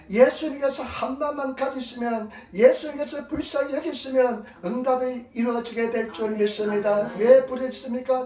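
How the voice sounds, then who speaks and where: A male pastor, a native Korean speaker, preaches a sermon in Korean at a church sanctuary in Japan, pleading emphatically and repeating his exhortations. His voice is extremely high with a darkish tone, heard off-mic and far away in an echoey room.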